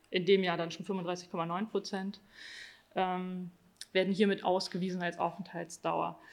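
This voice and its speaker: A woman presenting her own research in an academic talk, reading from slides and often pausing on filler sounds. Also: lowish voice. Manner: hesitant, frequent filler sounds between phrases.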